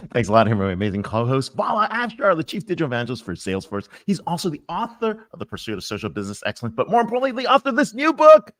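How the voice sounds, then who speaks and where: Man, co-host, very lively pitch, dry close sound, effusive. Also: very fast, no echo. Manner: upbeat and effusive, hypes guests. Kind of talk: lively show intro chat.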